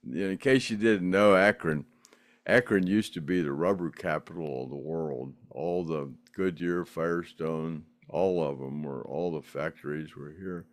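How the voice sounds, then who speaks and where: An older man with an extremely low voice hosts a podcast, reading viewer comments aloud at a measured pace in a dry, roomless recording. His casual chat rambles, full of laughter, fillers and false starts.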